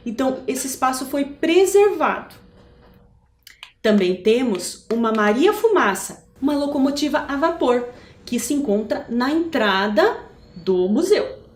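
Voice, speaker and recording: A woman's voice: on the high side, a little mellow. A Brazilian woman from Curitiba teaching a video lesson to schoolchildren, explaining step by step and asking rhetorical questions. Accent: Brazilian Portuguese, Curitiba. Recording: echoey room.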